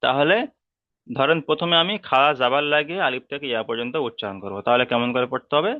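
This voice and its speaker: A man with a Bengali accent teaching a slow, step-by-step reading lesson, patiently repeating each term and drawing out each sound. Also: mid-range voice, no echo, narrow, tinny audio.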